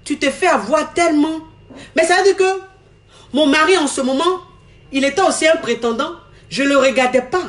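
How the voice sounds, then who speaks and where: This is a young woman, and her voice sits somewhat high. She tells her own story with animation, circling back over the same lines. She acts out bits of what others said along the way. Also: normal speed. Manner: animated, repeats herself, acts out quoted talk. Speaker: woman giving a testimony. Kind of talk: candid personal storytelling.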